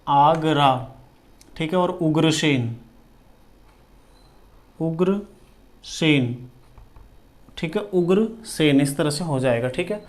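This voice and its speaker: A man teaching shorthand in a lesson, repeating each word slowly and checking in with his students often. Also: on the high side, darkish tone. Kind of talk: classroom lesson.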